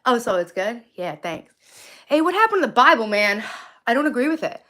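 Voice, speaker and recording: Higher-voiced, blunt woman rambling on a livestream. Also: big pitch swings, fairly quick, bright, forceful tone. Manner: blunt, swearing, easily sidetracked. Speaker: live streamer. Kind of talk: casual rambling chat with viewers. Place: indoors at home, moving between rooms. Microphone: phone, moving around. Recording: faint background noise.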